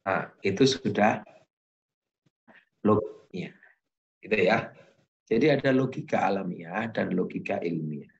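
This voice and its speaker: Deep gravelly lecturer, slow and low-fi. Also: male voice, muffled recording. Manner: relaxed, tells anecdotes, acts out dialogue. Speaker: university lecturer. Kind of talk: online philosophy lecture.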